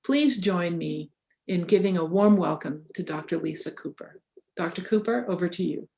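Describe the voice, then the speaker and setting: A woman's voice: lowish voice, moderate pace, creaky, a little mellow. A woman hosting an event, giving a formal introduction of the guest speaker. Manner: formal, welcoming. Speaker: event host.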